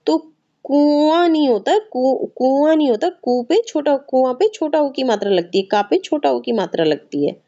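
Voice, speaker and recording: A woman's voice: high-pitched, expressive, moderate pace, dark tone. Woman teaching grammar for an exam, north indian hindi accent, patient, repeats stuff a lot, kinda muffled recording. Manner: explains patiently, repeats words, often asks ठीक है. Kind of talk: exam-prep grammar lesson. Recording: slightly dull, muffled recording.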